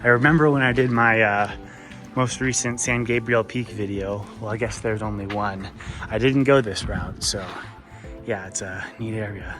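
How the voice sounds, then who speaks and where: Laid-back hiker rambling on a trail. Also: male voice, on the low side, normal speed, music in the background. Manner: relaxed, rambling, many fillers. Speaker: hiking vlogger. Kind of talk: casual trail narration. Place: outdoors on mountain trails.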